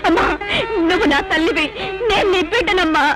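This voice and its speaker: An actress playing a proud, unmarried elder sister who acts as a village matriarch and speaks sternly and accusingly, then pleads tearfully to a goddess. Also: female voice, extremely high pitch, brisk, rough recording. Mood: tearful prayer. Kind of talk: melodramatic film acting. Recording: film soundtrack with loud music.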